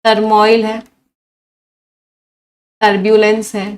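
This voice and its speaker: A medium-pitched woman takes her time as she teaches English vocabulary online in a live session. Her Hindi-English mix carries a steady stream of synonyms, and she's an animated teacher who quizzes the class.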